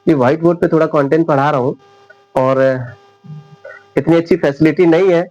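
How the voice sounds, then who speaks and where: A man's voice: on the high side, fairly even intonation, a little mellow, highs cut off. Man teaching at a whiteboard. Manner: repeats each example word slowly, explaining rules step by step; addresses viewers as friends, checks understanding often. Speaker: English teacher. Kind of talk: whiteboard classroom lesson.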